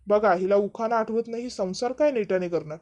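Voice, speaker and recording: A woman's voice: mid-range voice, brisk, dark tone, dull audio, natural voice. A woman voicing a stern older uncle who taunts the bride. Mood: taunting.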